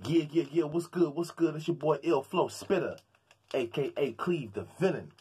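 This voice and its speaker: A man's voice: fairly high pitch, normal speed, darkish tone, slightly rough, a faint crowd. A man from Houston, Texas, ranting about sports as a vlogger in a fired-up, slangy way, often stammering and repeating words. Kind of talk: sports commentary rant.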